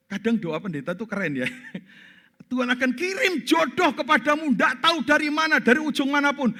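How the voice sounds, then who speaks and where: A male pastor preaches in a church sanctuary, telling a humorous story with acted-out voices and sudden bursts of volume. His voice sits high for a man and rings bright and forceful. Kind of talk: sermon.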